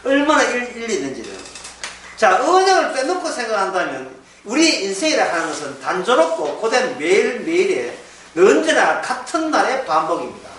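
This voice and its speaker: Man, pastor, lively high voice, playful lecturing, very echoey hall, mic distant. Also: normal speed. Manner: animated, joking, repeats key words. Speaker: pastor giving a Bible lecture. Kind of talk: church Bible lecture. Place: church lecture room. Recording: echoey hall, mic far off, faint background noise.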